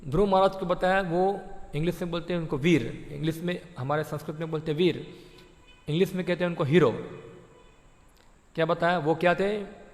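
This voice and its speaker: A man's voice: fairly high pitch, fairly even intonation, brisk. A man giving a devotional sermon, asking his listeners questions and answering them himself, and acting out little dialogues. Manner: acts out the mind's voice in little dialogues. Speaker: preacher. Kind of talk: Hindi devotional sermon on scripture. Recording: long hall reverb.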